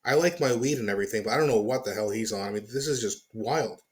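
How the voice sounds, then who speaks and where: A man's voice: lowish voice, fast. Exasperated male commentary host, swearing. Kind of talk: ranting reaction commentary.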